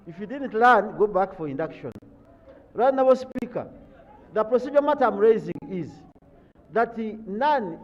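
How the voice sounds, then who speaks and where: A Ugandan-accented man, a member of parliament, insistently arguing a point in debate. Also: high voice. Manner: insistent, argumentative. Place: large parliament chamber. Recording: dull live stream, voices in chamber.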